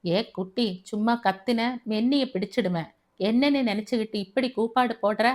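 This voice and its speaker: A woman's voice: mid-range voice, steady tone, measured pace, close to an everyday voice. A woman voicing a harsh, cruel older woman who scolds and threatens her captive. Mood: menacing, scolding.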